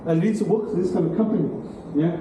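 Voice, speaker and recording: A middle-aged lecturer with a high voice moves briskly through a university class in broken English, checking in often with "okay?" and "right?". Recorded by a far room camera, the large classroom sounds very echoey and noisy.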